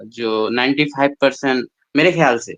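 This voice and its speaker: A man's voice: mid-range voice, normal speed, a bit bright, no echo, highs cut off. A man from Bangladesh with a Bangladeshi accent, a native Bengali speaker calling into a debate, hesitantly searching for words. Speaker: caller. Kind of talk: unscripted debate call.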